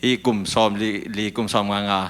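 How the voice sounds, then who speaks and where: A man's voice: lowish voice, flat delivery, fast, a bit bright. A man in casual talk-show conversation, telling a long account in a chatty way with short fillers.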